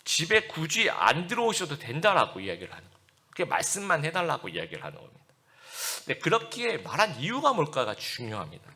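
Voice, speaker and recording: Lively, bright-voiced pastor preaching. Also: male voice, on the high side. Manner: explains scripture conversationally, with frequent asides to the congregation; acts out quoted speech in the passages he reads. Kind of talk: Sunday sermon.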